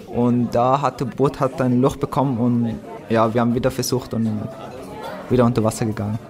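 Brief: a teen doing a polite newcomer boy, hesitant, halting German, school play. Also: mid-range voice, little pitch movement, a little mellow, a faint crowd, lightly acted. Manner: slow, simple, hesitant German with fillers. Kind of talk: amateur school drama.

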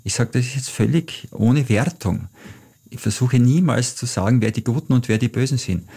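A man's voice: mid-range voice, normal speed, gravelly, dark tone, slightly rough. A middle-aged man from Austria, telling travel stories thoughtfully as an interview guest. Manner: thoughtful, anecdotal, frequent "äh" fillers. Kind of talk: reflective storytelling.

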